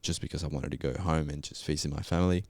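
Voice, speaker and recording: Very deep and darkish, his voice stays steady even though he talks fast. The young Colombian geologist, whose native language is Spanish, shares his story on a podcast with relaxed, slangy Australian-style phrasing, in a studio-quality recording with no echo.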